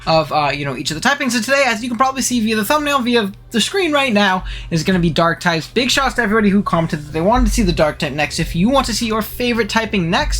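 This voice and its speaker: Sniffling through a head cold, the host of a laid-back game-analysis show speaks quickly and eagerly, full of fillers in typical gamer style. His voice is high and a little bright, with lively intonation.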